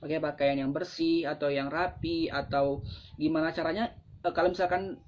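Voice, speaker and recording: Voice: mid-range voice, steady tone, moderate pace, a little hiss or hum. A mentor with an Indonesian accent giving a casual live-stream talk on presentation skills, conversational with frequent fillers. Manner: conversational, explains with acted examples, frequent fillers. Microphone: phone. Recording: slightly dull lo-fi live-stream audio.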